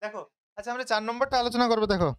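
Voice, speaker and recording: Tutor, online revision lesson, smooth clear voice, asks and then answers. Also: medium pitch, very fast. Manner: asks questions and answers them himself, checks with "তাই তো?". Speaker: teacher. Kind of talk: online live class, question-and-answer revision.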